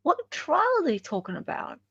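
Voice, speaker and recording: Over background music and dull lo-fi audio, an Australian woman runs a casual livestream of dramatic readings and commentary, sarcastic and full of banter. Her voice is high and sing-song at normal speed, with no echo.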